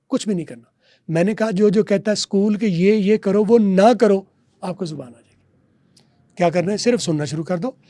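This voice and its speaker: A man's voice: high voice, vocal fry, dark tone, dry recording, clean studio sound. A man, a teacher guest on a podcast, lecturing and repeating example words. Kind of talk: podcast interview, explaining.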